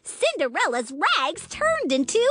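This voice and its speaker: A woman narrating a scripted children's story with animated, dramatic build-up. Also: very high-pitched, measured pace, loud music behind the voice.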